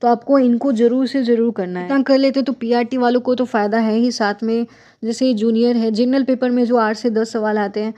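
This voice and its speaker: A woman's voice: on the high side, fairly even intonation, fairly quick, dark tone, lo-fi sound. A young woman teaching exam preparation in a casual, direct manner, advising viewers and addressing them as friends. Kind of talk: casual explanatory lesson.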